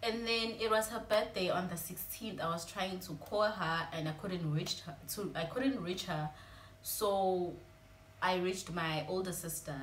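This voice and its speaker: A young woman with a South African Zulu accent, telling a personal story in a confiding, emotional way as a vlogger. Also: lowish voice. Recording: echoey room with faint ambient noise.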